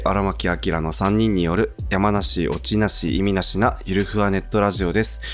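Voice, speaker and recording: A man with a hoarse, gravelly voice hosting a casual net radio show, chatting and moderating. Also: fairly low pitch. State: hoarse, gravelly voice after drinking the night before.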